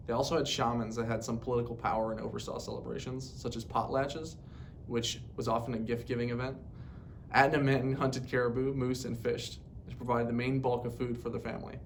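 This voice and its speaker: This is a man with a steady tone and a fairly quick pace, formally reading from an educational script. Audio quality suffers from a bad microphone and a clearly audible background rumble.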